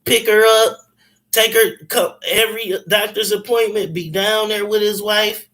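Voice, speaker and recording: A man's voice: high-pitched, steady tone, unhurried, sharp tone, low-quality recording. A man in his forties telling stories over the phone in a rambling, emphatic way, with slangy, profane talk and many restarts. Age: 40s. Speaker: caller on a phone conversation. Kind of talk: casual chat, storytelling.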